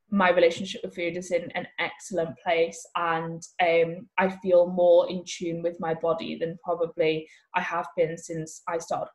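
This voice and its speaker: A woman hosting a casual solo fitness podcast, talking in a relaxed way with frequent ums. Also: lowish voice, rough recording. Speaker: podcast host and fitness coach.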